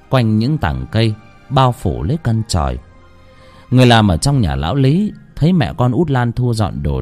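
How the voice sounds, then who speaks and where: Male horror narrator, low voice, very animated, music underneath. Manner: dramatic, emotive storytelling. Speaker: ghost story narrator. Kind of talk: scripted horror story narration.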